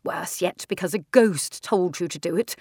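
A woman voicing a level-headed, no-nonsense aunt who speaks in a brisk, firm and plain way. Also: on the low side, darkish tone, slightly rough, no room sound, studio quality.

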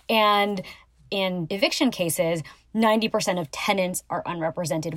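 A woman's voice: mid-range voice, dry recording. A woman lawyer and researcher explaining her subject as an interview guest.

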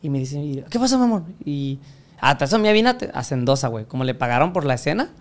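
A man's voice: on the high side, big pitch swings, quick pace. A young Mexican man with a Mexican accent, telling a crude, slang-filled story in casual chat. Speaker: podcast guest telling his story.

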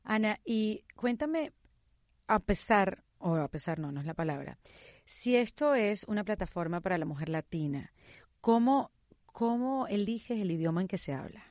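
A woman's voice: mid-range voice, big pitch swings, moderate pace, a little mellow, no echo. A Venezuelan woman leads a conversational interview in a mid-range voice. She is colloquial and chatty, working out her phrasing as she talks. The sound is dry, with no room around it.

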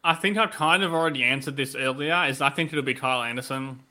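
Male sports podcast co-host, very bright forward tone, conversational and analytical, voice touched by tonsillitis. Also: mid-range voice, fast talker. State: tonsillitis-affected voice that comes and goes. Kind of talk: casual sports podcast chat.

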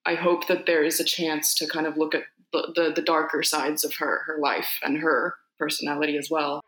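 A Finnish woman, an actor appearing as an interview guest, chats casually in her native Finnish-accented way, rambling with frequent restarts and fillers. Her voice is bright and forceful yet low-pitched, with little pitch movement and a moderate pace. The room around her is noticeably roomy and echoey.

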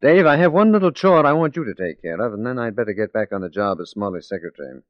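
In a muffled 1940s radio drama recording with no echo, a male actor plays a resolute, righteous detective working undercover as a secretary. His fairly low voice swings widely in pitch, and his delivery is measured, emphatic, theatrical, resolute and grave.

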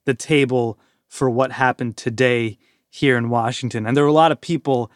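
A man's voice: medium pitch, fairly even intonation, normal speed, no room sound, studio quality. An American man working as a podcast host, reading scripted lines and putting questions.

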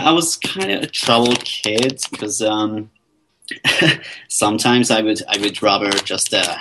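A man, a guest answering interview questions in a friendly, relaxed way, thinking aloud as he talks. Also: lowish voice, background noise. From Hungary. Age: 20s.

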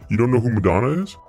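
A man's voice: a little mellow, breathy edge. A man hosting a prank call show through a voice changer, teasing a caller with goofy tangents. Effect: voice changer, deep morphed voice. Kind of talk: mocking prank phone banter.

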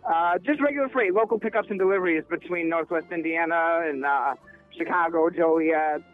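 A man's voice: a little high, a little fast, faint music behind. Hesitant man in his thirties on a phone line. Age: 30s. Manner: hesitant, lots of uh. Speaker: caller. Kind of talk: casual phone call to radio show.

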